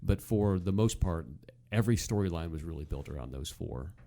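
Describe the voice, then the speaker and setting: This male podcast co-host has a low, creaky yet mellow voice and speaks fairly quickly and animatedly. His talk is a casual, amused conversation looking back on old TV shows.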